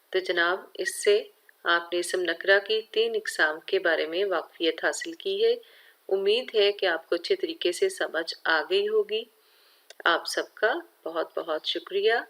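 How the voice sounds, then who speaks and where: Slow, careful Pakistani Urdu teacher woman. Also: on the low side, sharp tone. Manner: slow, careful explaining, addresses students directly. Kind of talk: recorded grammar lesson for children.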